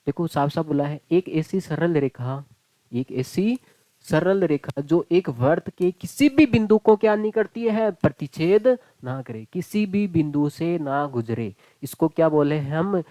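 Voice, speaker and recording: A man's voice: fairly high pitch, dark tone, no room sound, poor audio. A man teaching a maths class online, chatty and joking, calling his students "beta" and "bhai".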